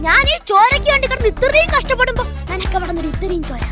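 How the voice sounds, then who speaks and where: A man's voice: very high voice, animated, quick pace. A man playing a broke, scheming Dracula with a family in a comedy stage sketch, talking in a whiny, self-pitying way. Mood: grumbling. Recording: stage sketch under loud music.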